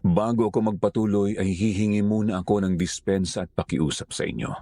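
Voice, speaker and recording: A man narrating a scripted horror story in a slow, solemn, hushed way. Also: on the low side.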